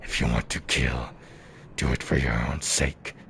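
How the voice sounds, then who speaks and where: A man puts on a solemn game warrior with a very deep, grave voice, muffled behind a face mask. The delivery is grim and weighty, with faint noise on the recording. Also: flat delivery, measured pace, creaky, a bit bright, full character voice.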